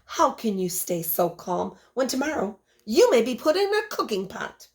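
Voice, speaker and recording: A woman voicing a snide, resentful female spider in a storybook read-aloud, with a sharp, mocking manner. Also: fairly high pitch, sing-song, normal speed.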